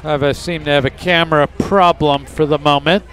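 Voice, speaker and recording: A man giving live commentary on a high school football game in an easygoing, laid-back way. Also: fairly even intonation, normal speed, a bit bright. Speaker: color commentator.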